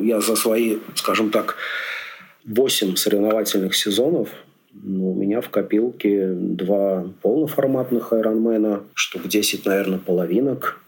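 Lowish and a bit breathy, the voice belongs to a man in his forties. He's an amateur triathlete on a podcast, casually musing about his years of racing in a loose, rambling style full of fillers.

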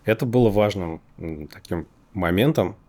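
A man who has trouble pronouncing the letter r, talking casually and hesitantly as an interview guest, thinking aloud with drawn-out pauses. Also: deep voice, a little mellow. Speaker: interview guest, design company executive.

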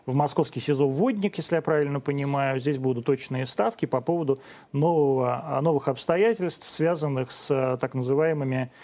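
A man's voice: mid-range voice, brisk, dark tone. A man in his forties hosting, delivering a sarcastic opinion monologue and then questioning a guest pointedly. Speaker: host.

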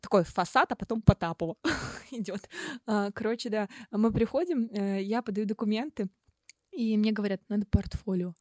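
A talkative young woman in her early twenties hosts a podcast, telling stories freely and padding them with fillers. Her voice sits at a middle pitch. The close mic gives a dry sound with no room. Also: normal speed, darkish tone, dry recording. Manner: chatty storyteller, many fillers. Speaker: podcast co-host. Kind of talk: casual chat.

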